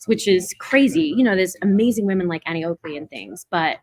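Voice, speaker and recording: A woman's voice: fairly low pitch, expressive, brisk, a little mellow, low-quality recording. A young woman with an Australian accent, a filmmaker and voiceover actor, chatting casually in an interview with many fillers. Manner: chatty, lots of fillers and laughs.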